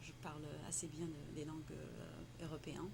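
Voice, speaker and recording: In a casual interview recorded with background noise, a woman entrepreneur who grew up in Morocco and speaks Tamil as her first language answers in French. Her deep, gravelly voice barely shifts in pitch at a moderate pace, and she is hesitant, with many fillers, repeated words, restarts, and frequent laughs.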